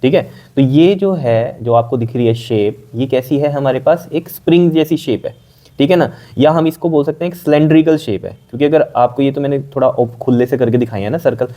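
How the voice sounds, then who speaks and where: A man teaching a science lesson, explaining step by step, often checking that students follow, and dictating definitions slowly. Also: mid-range voice, warm tone. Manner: repetitive, checks understanding with frequent "okay?".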